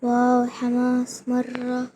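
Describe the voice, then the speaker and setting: A young woman chatters through a game, her voice high and bright. She gets carried away, repeating words over and over in excitement. A faint hiss sits under the recording. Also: takes it slowly. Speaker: gaming vlogger. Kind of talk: excited gameplay commentary.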